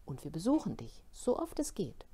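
A woman voicing a caring mother in a storybook reading, reassuring and gently firm. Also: on the low side, huge pitch swings, normal speed, in a whisper. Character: patient, caring mother soothing her son.

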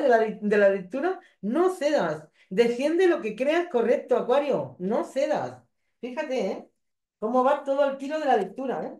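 Mellow-voiced tarot reader, roomy sound. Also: female voice, medium pitch. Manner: chatty, repeats phrases, affectionate asides to the listener. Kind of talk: casual tarot reading to viewers. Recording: roomy echo.

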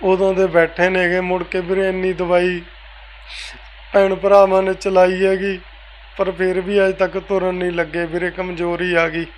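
A man answering an interviewer's questions in a soft-spoken, casual way. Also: high-pitched, monotone, normal speed, a little hiss or hum, rough recording. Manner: soft-spoken, repeats "veere" often. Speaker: interviewee, family member.

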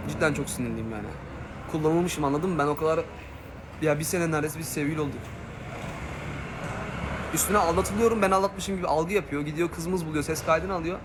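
Angry young guy ranting on a live stream, talks fast, pitched up a bit, loud city traffic behind. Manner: heated, rapid and emphatic.

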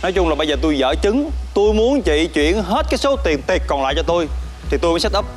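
An actor playing a blunt, mocking young caterer with a Southern Vietnamese accent. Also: male voice, high-pitched, very animated, fast talker, faint music behind. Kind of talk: web drama acting.

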